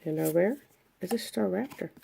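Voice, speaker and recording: A woman giving casual commentary as she opens trading card packs, listing each card one by one in an unhurried way. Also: on the low side, creaky, mellow, slightly rough. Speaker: card collector opening packs. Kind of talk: casual pack-opening commentary.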